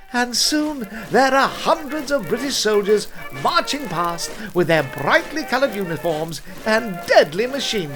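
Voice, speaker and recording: Male cartoon narrator, storybook delivery, measured, expressive pitch.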